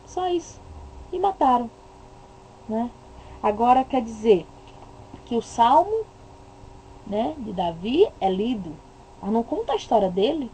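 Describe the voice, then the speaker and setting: A woman's voice: a little high, big pitch swings, a little slow, long pauses, mellow, a little hiss or hum, poor audio. A woman with a Brazilian Portuguese accent giving an impassioned religious monologue, emphatic and full of rhetorical questions. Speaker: religious commentator.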